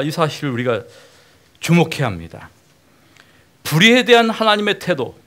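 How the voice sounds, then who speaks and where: A man's voice: medium pitch, a bit bright. A middle-aged male pastor giving a conversational sermon lecture, often putting questions to the congregation.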